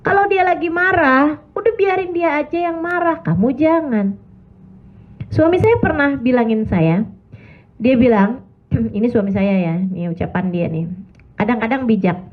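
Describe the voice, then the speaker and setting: A middle-aged woman preaching to women in a chatty, lively storytelling way, acting out the people she quotes. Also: a little high. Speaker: Islamic preacher. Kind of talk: religious talk to women. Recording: tinny phone-like recording.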